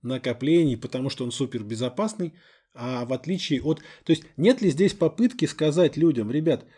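A man co-hosting a podcast talks fairly quickly with lively intonation, his mid-range voice mellow with a breathy edge. Speaking into a close studio microphone, he tells casual stories by acting out imagined remarks in little scenes.

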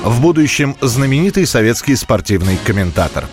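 A man's voice: mid-range voice, very animated, fairly quick. A man reading scripted history documentary narration with music playing behind him. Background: background music.

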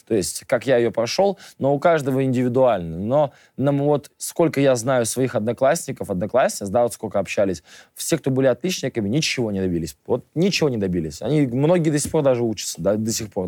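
Here a radio interview guest talks quickly in a mellow mid-range voice with lively intonation and no echo. He's casual yet forceful, hammering his views and ranting with mounting intensity.

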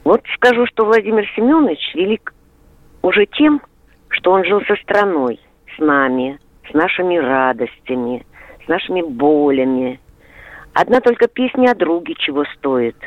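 A man calling into a radio show over a tinny, dry phone line. His voice is fairly high and swings widely as he speaks in an emphatic, declamatory way. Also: animated, moderate pace, dry recording. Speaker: radio caller.

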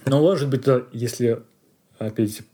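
A man's voice: mid-range voice, measured pace, mellow, a little hiss or hum. A man co-hosting a podcast, chatting in a rambling way, searching for words and laughing often. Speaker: podcast co-host. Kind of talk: casual podcast chat.

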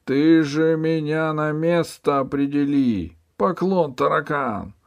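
A man's voice: slow, a little mellow, clear, resonant tone, muffled recording. A wailing groveling old ferryman. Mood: wailing pleading. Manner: high wailing pleading.

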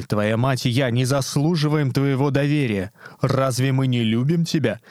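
A man's voice: medium pitch, darkish tone, dry recording, lightly acted. A man voicing a stern elderly priest pleading with his daughter, in a dry, firm voice. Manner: pleading, then bitterly ironic. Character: stern elderly male village priest, a father.

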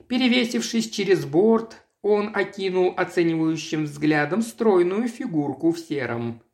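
Measured narrator for a literary audiobook; mid pitch. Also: animated, a little mellow.

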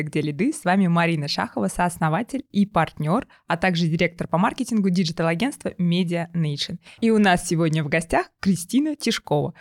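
A woman hosting a podcast, introducing her guest and asking friendly, lively questions. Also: lowish voice. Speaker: podcast host. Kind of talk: podcast interviewing.

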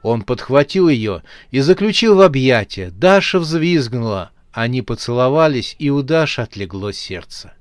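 A man narrating a horror novel for an audiobook in an expressive storytelling manner. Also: mid-range voice, normal speed, few pauses, no echo, studio quality.

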